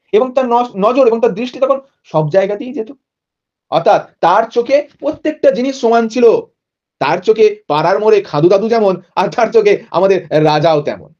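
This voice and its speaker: A man teaching a literature class, reading poem lines slowly and then explaining them in a lively, chatty way. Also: extremely high pitch, dull audio.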